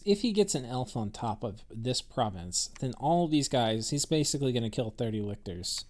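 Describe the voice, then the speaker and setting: A man's voice: mid-range voice, darkish tone. A man giving casual, rambling commentary on a strategy game he is playing, thinking aloud with many fillers and restarts. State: has the hiccups.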